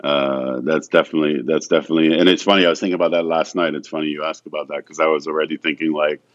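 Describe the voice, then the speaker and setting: A Frenchman with a bass voice races along in a steady tone, the recording missing its high frequencies. Being interviewed about his photography, he chats casually but haltingly, quietly restarting again and again with plenty of "you know."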